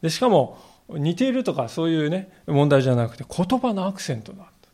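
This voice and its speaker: A man's voice: fairly high pitch, sing-song, a little fast, a little mellow. A male pastor giving a sermon in a conversational storytelling way, acting out the quoted lines.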